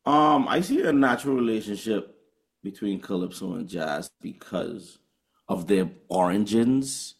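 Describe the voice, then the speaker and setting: A touring jazz musician with a Trinidadian accent answers interview questions earnestly, frequently restarting his phrases. His man's voice is on the low side, animated, and a little slow.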